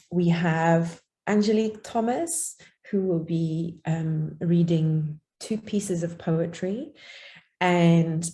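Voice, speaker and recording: A woman hosting an online session over a video call, introducing readers in a hesitant way with many filler pauses. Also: on the low side, dark tone. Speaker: session host.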